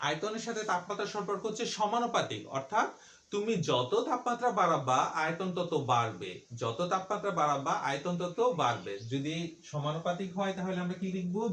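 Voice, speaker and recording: A man's voice: high-pitched, a bit bright, a little hiss or hum. A male physics teacher giving a classroom lecture, posing questions to students and answering them himself while repeating the key points. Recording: echoey room.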